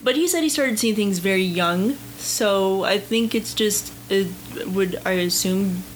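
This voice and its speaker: A woman chats as a podcast co-host, quick to laugh and tease, with casual swearing. Her voice sits mid-range with a light noise floor behind it. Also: mid-range voice. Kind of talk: casual group podcast chat.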